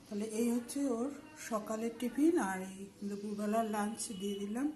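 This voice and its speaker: A woman's voice: a little high, brisk, mellow, faint music behind. A woman with a sore throat, chatting homely in a casual cooking vlog from her home kitchen, explaining each step. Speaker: vlogger.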